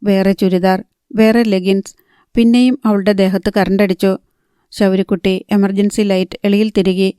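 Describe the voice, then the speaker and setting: A woman narrating a novel in a calm, even storytelling manner. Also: mid-range voice, unhurried, smooth, no room sound, clean studio sound. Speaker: audiobook narrator.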